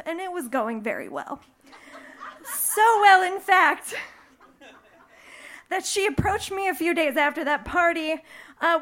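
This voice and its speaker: A young woman from the American Midwest laughs her way through a bawdy, playful story about herself, performed live on stage for an audience. Her pitch is extremely high and a bit bright.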